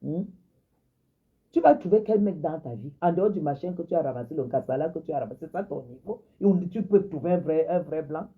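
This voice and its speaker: A woman's voice: sits low, animated, fairly quick, slightly rough. A woman, confronting and mocking someone in a heated, repetitive live-stream rant. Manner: confrontational, mocking, repeats herself. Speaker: social media personality. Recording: tinny phone-line sound.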